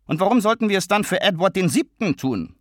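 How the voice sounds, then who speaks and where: A man's voice: sits high, lively intonation, fairly quick, no room sound, studio quality, pitched above the performer's own voice. A man voicing an argumentative, principled Irishman who argues his point insistently.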